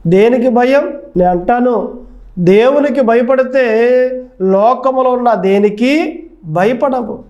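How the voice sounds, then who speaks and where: A man's voice: very high-pitched, takes it slowly, pauses often, darkish tone. A male pastor delivering a sermon, coaxing his listeners with repeated phrases and rhetorical questions.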